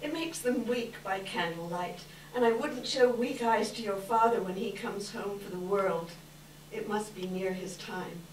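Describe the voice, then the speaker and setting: A woman playing a tender, grieving mother, brave and weary, in a gentle, subdued readers theater performance. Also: mid-range voice, measured pace, natural voice. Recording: distant echoey hall with noise, hum.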